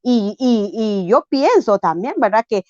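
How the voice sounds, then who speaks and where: A woman's voice: on the high side, lively intonation, a little slow, darkish tone, dry recording, lo-fi sound. A woman preaching a sermon, often asking her listeners "right?" and acting out the voices of people in the story. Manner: preaching with frequent tag questions and dramatized quotes.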